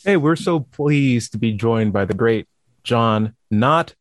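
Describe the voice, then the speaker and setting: A male podcast host who jokes and teases his guest in casual chat. His voice sits at an ordinary middle pitch, recorded close and dry with no room sound. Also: lively intonation, slow, no room sound. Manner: jokey, playful, teasing.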